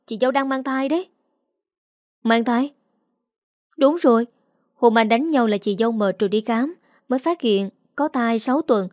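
A woman voicing a lively young woman, the hero's younger sister, in a storybook reading, eager and quick. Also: a little high, dry recording, clean studio sound, natural voice. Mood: urgent.

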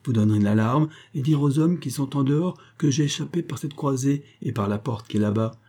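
A man's voice: mid-range voice, a little fast, mellow, voice pushed up, lightly acted. A man reading the part of a desperate young man confronting his father, with an intense, accusing and urgent delivery.

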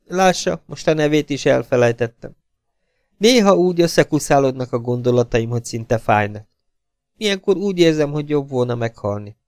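A man reading an audiobook voices a middle-aged actress dependent on morphine, talking erratically and swinging between sharp outbursts and hushed murmurs. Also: medium pitch, lively intonation, no room sound, studio quality, voice pushed up, lightly acted. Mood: feverish.

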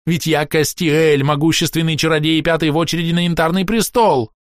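High, loud, drawn-out elf sorcerer, frantic and grandiose, man performing. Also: no echo, clean studio sound, natural voice. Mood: desperate boasting. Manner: shrill, declamatory wailing. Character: frantic pompous male elf sorcerer, pleading.

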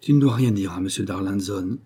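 A man reading a storybook, voicing a cautious, tender aristocratic mother who speaks in a measured, earnest way. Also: sits low, dark tone, breathy edge.

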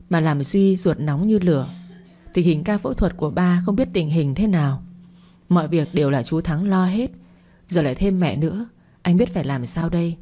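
A woman tells a story in a calm, even audiobook style. Her voice sits a little low and sounds mellow and soft-edged, with a steady, unhurried delivery. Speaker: narrator. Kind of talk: scripted audiobook narration.

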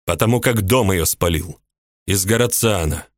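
Man reading a calm patient captain, even and placating, dry close sound. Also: deep voice, moderate pace, no room sound, natural voice.

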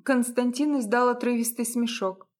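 A woman's voice: fairly high pitch, fairly even intonation, moderate pace. Woman reading a first-person novel. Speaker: audiobook narrator. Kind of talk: first-person audiobook narration.

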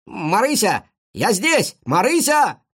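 Very high, squeaky young female guinea pig, eager and gushing. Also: big pitch swings, moderate pace. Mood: urgent. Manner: squealing, exclaiming, breathless delivery.

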